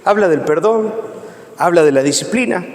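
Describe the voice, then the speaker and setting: A man's voice: high-pitched, animated, moderate pace. A man preaching a Bible lesson, reading verses aloud and emphatically asking the congregation questions. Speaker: pastor teaching a Bible class. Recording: echoey church hall with long reverb.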